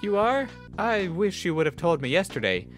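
A man's voice: sits high, big pitch swings, normal speed, soft background music, pitched above the performer's own voice. A man voicing a timid, clueless young male servant in a game, stammering nervously and politely. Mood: eager.

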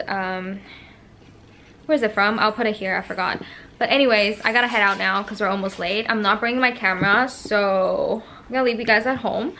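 A woman's voice: on the high side, pushed and bright. A young woman chatting casually to her camera in a daily vlog, rambling from one thing to the next. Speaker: vlogger. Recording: noisy handheld vlog audio.

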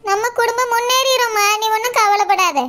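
A woman voicing a kindly older mother-in-law in a cartoon, talking slowly and gently. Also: very high-pitched. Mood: gentle soothing. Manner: slow, gentle, comforting.

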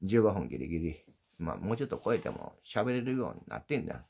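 A man's voice: sing-song, fast talker, mellow. A middle-aged man with an Osaka dialect, rambling through a casual folksy monologue to his channel viewers, meandering and self-deprecating. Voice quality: low gravelly voice. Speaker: channel host. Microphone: handheld phone.

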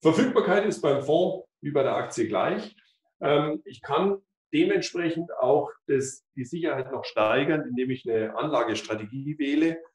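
A man's voice: fairly high pitch, expressive, moderate pace. A man in his fifties, a financial advisor presenting at a whiteboard in an office, explaining with many fillers and restarts. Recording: echoey office, mic far off.

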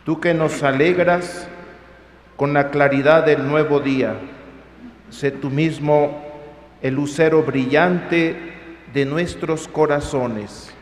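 A man's voice: a little high, fairly even intonation, slow pace. A man reading prayer intentions in a liturgical style at Mass, with church reverb. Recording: echoing church reverb, faint noise.

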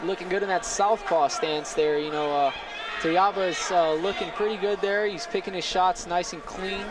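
A man's voice: high-pitched, steady tone, normal speed. A man giving live play-by-play commentary on amateur MMA fights. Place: indoor arena, cageside. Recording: very loud crowd noise. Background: loud crowd.

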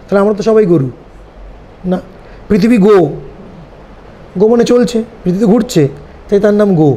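A man's voice: high voice, moderate pace, mellow. A man with a Bengali accent giving a seminar lecture, explaining ideas and often checking that his listeners follow. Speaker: seminar teacher. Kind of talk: lecture to students.

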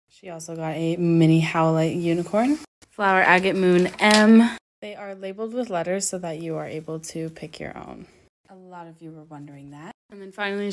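A woman's voice: on the low side, slight background noise. A young woman who runs a small shop, chatting casually and upbeat as she lists items one by one while packing orders. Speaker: crystal shop owner.

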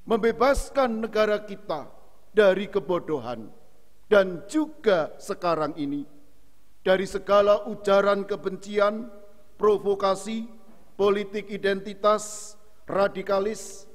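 A man preaching a sermon to a congregation in a slow, earnest manner. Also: sits high. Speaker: pastor. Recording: long hall reverb.

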